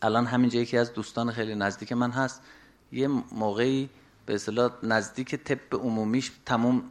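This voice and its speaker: A middle-aged man preaching a religious sermon, moving between soft, confiding asides and raised, urgent exhortation. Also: medium pitch, level tone.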